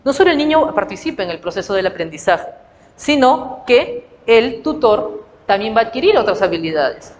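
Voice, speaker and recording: A woman's voice: medium pitch, very animated, moderate pace. A woman teacher lecturing on psychology. She speaks with a Peruvian Spanish accent and explains through rhetorical questions and acted everyday examples. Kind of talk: recorded lecture. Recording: reverberant room with faint noise.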